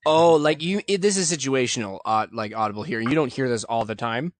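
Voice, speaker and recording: Male podcast host, mid pitch, teasing banter, dry room sound. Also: expressive, fairly quick, no room sound. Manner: joking, teasing, runs the segment. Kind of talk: casual podcast chat.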